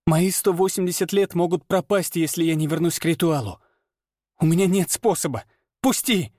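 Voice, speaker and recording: A man voicing a desperate ancient woman healer with shrill, pleading cries. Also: lively intonation, moderate pace, dry recording, clean studio sound. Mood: frantic. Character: desperate 390-year-old woman healer.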